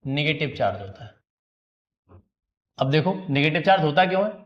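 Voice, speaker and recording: A man with a rather high voice delivers a classroom biology lecture. He keeps firing questions at his students and answering them himself, repeating each key term. He often checks whether they have understood. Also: sing-song, normal speed, lo-fi sound. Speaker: biology teacher. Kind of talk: classroom lecture at a slide board.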